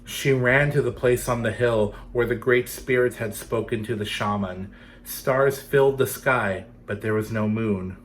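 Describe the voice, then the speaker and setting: Male children's storyteller, medium pitch, dramatic careful phrasing, speaking to young listeners over light ambience. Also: measured pace, a little hiss or hum. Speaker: storyteller for children's theatre series. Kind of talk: expressive children's storybook reading.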